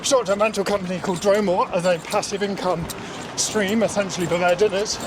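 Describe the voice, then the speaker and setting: A man's voice: high voice, steady tone, a little fast. A man giving casual interview answers while running outdoors. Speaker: interview guest. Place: outdoors in an urban area, on the move. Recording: clearly noisy outdoor urban recording.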